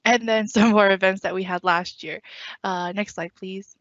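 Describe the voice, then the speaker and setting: A woman student organizer giving a casual virtual orientation presentation, trailing off softly and cueing slides. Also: mid-range voice, fairly even intonation, moderate pace, no room sound. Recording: dry, dull lo-fi call audio.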